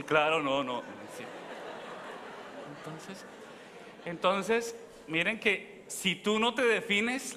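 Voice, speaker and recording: A man's voice: a little high, bright, forceful tone, slight background noise. A man, a priest, giving a sermon in a conversational way, telling stories and asking the congregation questions. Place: large church. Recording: long church reverb.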